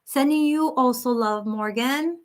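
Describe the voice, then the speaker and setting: A woman hosting a psychic live stream, reading viewer comments aloud and answering them gently and sympathetically in loose, casual talk. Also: sits high, a little slow. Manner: talks in loose, restarting sentences with many fillers.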